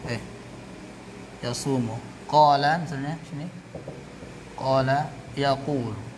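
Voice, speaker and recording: A man teaching Arabic grammar in a classroom lesson, repeating each term and pausing to correct himself. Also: medium pitch, background noise.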